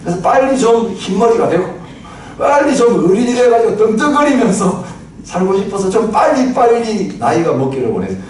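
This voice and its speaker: A man's voice: high voice, sing-song, fairly quick, darkish tone. A man in his sixties preaching a chatty sermon, often asking the congregation questions, recorded from a distance in a church hall. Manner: chatty, asks the congregation, recites lyrics with laughter. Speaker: pastor. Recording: very echoey hall, distant mic, noisy.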